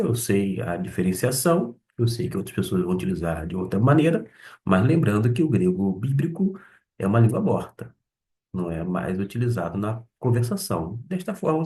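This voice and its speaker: A man teaching a Bible Greek lesson, pausing to sound out and repeat words as he explains them. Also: on the low side, big pitch swings, dark tone, recorded from a distance.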